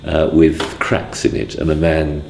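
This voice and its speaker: Very deep gravelly man in his sixties. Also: monotone, measured pace, darkish tone, reverberant, slight background noise. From Wales. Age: 60s. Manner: hesitant, full of ums and restarts. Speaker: interviewee. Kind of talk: casual spoken memoir.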